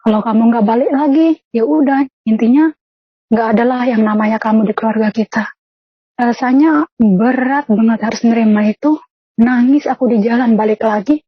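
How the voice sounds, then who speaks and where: A woman's voice: a little high, normal speed, slightly rough, no echo. A young woman telling her personal testimony in casual, earnest speech, often quoting herself and others in dialogue. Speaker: testimony guest. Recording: dull lo-fi sound, dry.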